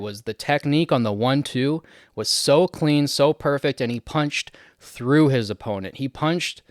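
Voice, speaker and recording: A young Canadian man talks through fight results in a loose, chatty way, chuckling often between points. His voice is smooth and clear, and the recording is dry and close with no room sound. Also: mid-range voice, no echo. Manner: chatty, laughs often, many fillers. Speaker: MMA fight commentator. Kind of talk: casual fight breakdown.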